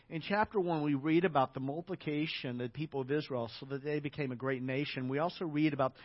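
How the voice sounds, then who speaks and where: A man preaching a storytelling sermon as pastor, talking conversationally with little anecdotes and fillers, then building up to louder emphatic passages. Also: mid-range voice, dry recording, highs cut off.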